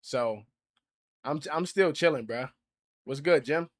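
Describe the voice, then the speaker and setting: A man's voice: a little high, slow pace. A man in his twenties, casually chatting on a livestream in heavy slang, reacting to and reading out viewer comments. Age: 20s. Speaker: streamer.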